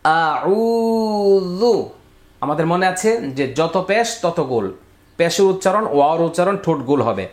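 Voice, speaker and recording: A man teaching Quran reading step by step. He spells out letters and vowel marks, then recites the words in long drawn-out chanting, and speaks directly to viewers following along. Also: a little high, very animated, echoey room. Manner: addresses viewers directly, asks them to repeat along.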